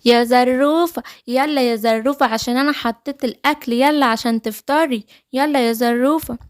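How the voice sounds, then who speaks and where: In a children's cartoon story, a woman with an Egyptian Arabic accent voices animal mothers who are caring yet scolding, calling out and chiding briskly. Her voice is high, steady in tone, and lightly acted.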